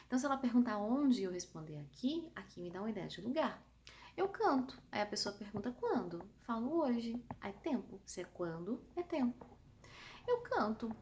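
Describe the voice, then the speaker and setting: A woman with a São Paulo countryside Brazilian accent teaching an online grammar lesson, lively and emphatic, often checking with her students. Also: a little high, a little fast, a little hiss or hum. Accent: São Paulo countryside Brazilian Portuguese. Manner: lively, emphatic, asks the class checking questions. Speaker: Portuguese teacher.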